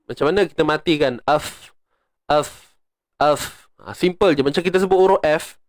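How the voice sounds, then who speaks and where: This tajwid lesson features a man with a Malaysian Malay accent who teaches Quran recitation rules step by step, then chants verses in a raised voice. His voice is on the high side and he talks fast. The studio-quality recording has no echo.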